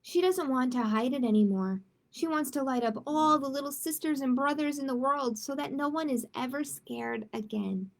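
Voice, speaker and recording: Hosting a children's library storytime, a woman reads picture books expressively, tossing in simple chatty asides and small check-in questions. Her voice sits high and sounds gravelly, moving at normal speed with few pauses.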